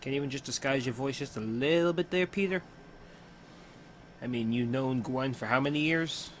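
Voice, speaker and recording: A man's voice: mid-range voice, brisk, slight background noise. A young man hosting a watch-along, giving casual reaction commentary full of playful, joking asides.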